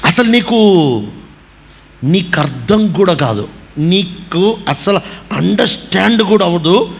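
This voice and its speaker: Animated high-voiced male preacher. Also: slow, vocal fry, husky. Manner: animated storytelling with acted voices and laughter. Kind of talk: sermon.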